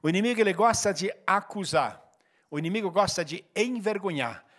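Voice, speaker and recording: A pastor with a Brazilian Portuguese accent delivers a sermon in a high-pitched voice. He mixes personal stories with emphatic, repeated declarations. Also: expressive, a little fast, fairly bright tone. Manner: preaching with repeated emphatic phrases and storytelling.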